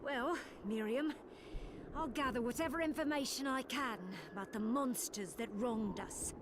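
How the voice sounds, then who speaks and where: An actress with an English accent playing an earnest, grieving widow out for vengeance in a video game. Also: female voice, on the high side, normal speed, noisy background, lightly acted. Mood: grateful, resolute. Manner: earnest, dramatic. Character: grieving, vengeful young widow pleading for help.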